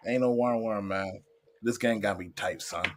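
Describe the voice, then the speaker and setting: A man's voice: fairly low pitch, fairly even intonation, normal speed, a little hiss or hum. A male podcast co-host on a video call, talking football in a laid-back, slang-heavy way. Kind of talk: casual sports chat.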